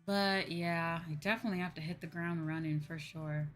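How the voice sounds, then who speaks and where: With music in the background, this woman hosts a VTuber livestream, talking to viewers in a loose, conversational way full of "like" and "you know." Her voice is fairly low and steady, at a moderate pace.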